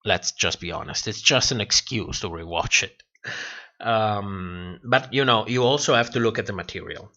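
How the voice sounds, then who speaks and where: A man with a fairly low, pushed, bright voice hosts a casual livestream at normal speed, rambling through viewer comments and repeating phrases as he thinks aloud. The audio sounds dull.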